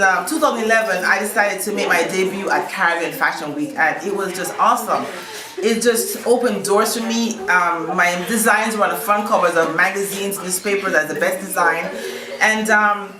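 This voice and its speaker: A woman's voice: medium pitch, echoey room, low-quality recording. A woman from Jamaica with a Jamaican accent, a fashion designer telling her story with upbeat laughs as a guest on a video call from her boutique. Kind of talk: casual interview on a video call.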